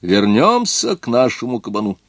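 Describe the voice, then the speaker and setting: A man's voice: medium pitch, very animated, normal speed, fairly bright tone, husky, no room sound, studio quality, voice pushed up, exaggerated voice. A man reading the part of a hot-tempered, scornful young nobleman in an audiobook. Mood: impatient.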